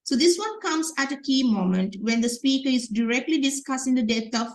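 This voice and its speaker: A woman walks students through a poem for exam revision, pausing on fillers and rephrasing as she explains. Her voice sits a little high. The recording has the ring of a reverberant room. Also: expressive. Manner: explanatory, with frequent fillers and restarts. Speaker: literature teacher.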